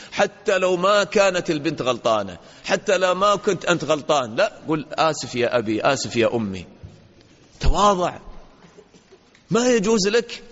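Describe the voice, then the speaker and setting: A man giving an interactive religious lesson to children, asking questions, praising answers and acting out little dialogues. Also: high-pitched. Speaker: sheikh teaching children. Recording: dull lo-fi audio in a reverberant hall.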